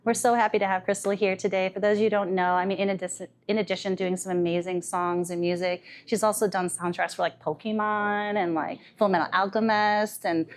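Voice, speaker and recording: A woman in her thirties moderates a live panel with easy, chatty energy. She laughs often and fills her talk with casual fillers, at an ordinary middle pitch. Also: steady tone, fairly quick, hardly any pauses.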